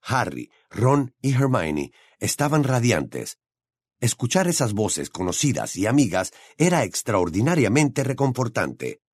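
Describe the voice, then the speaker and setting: A man narrates a novel in an expressive storytelling voice. His pitch moves in a lively, animated way. The recording is dry and close, with no room sound. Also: measured pace, slightly rough, no echo. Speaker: audiobook narrator. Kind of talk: audiobook narration.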